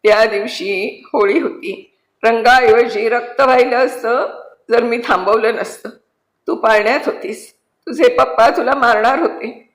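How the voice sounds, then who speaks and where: A woman voicing a humble male convict who speaks respectfully and softly, calling the jailer sir, in a story reading. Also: on the high side, unhurried, voice pushed up, natural voice. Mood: subdued, solemn. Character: humble male convict, quiet, remorseless protector. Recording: roomy echo.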